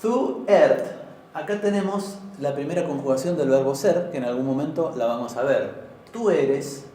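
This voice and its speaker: A man's voice: a little high, mellow, a little hiss or hum. Man teaching in an echoey classroom. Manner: patient, explains slowly and repeats words. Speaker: language teacher. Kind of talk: informal classroom lesson. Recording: very echoey room, from far off.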